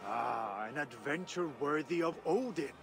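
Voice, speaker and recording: Guthrum, a gentle old Viking king. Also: fairly high pitch, animated, over music. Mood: calm. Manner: slow, gentle, laughs often. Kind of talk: video game cutscene acting.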